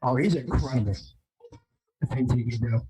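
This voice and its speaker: A man hosting a wrestling watch-along, excitable and rambling, often stumbling and correcting himself, amped up on coffee. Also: mid-range voice, normal speed, slightly rough, poor audio. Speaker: stream host. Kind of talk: casual watch-along chat.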